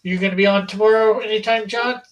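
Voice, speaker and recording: A man hosting a casual livestream, talking in a halting, unpolished way. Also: high voice, fairly even intonation, recorded from a distance, low-quality recording. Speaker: host of an online comics art auction.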